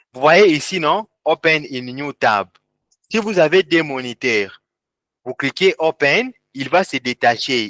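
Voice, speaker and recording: A man's voice: fairly high pitch, pushed and bright, no echo, clean studio sound. A man teaching a live online class, guiding students step by step through on-screen settings and repeating key words. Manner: repetitive, step-by-step pointing at screen. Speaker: instructor.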